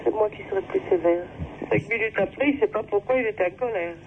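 A woman's voice: mid-range voice, fast. A woman speaking matter-of-factly in a recorded testimony, listing things plainly about her husband. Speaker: interviewee's wife. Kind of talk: recorded testimony inserted into radio show. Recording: tinny phone-like line, distant, faint hiss.

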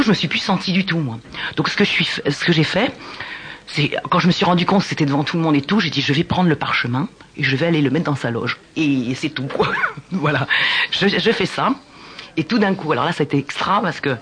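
A singer-songwriter with a low-pitched voice tells stories during a casual radio interview. She talks in an animated, halting way and restarts often.

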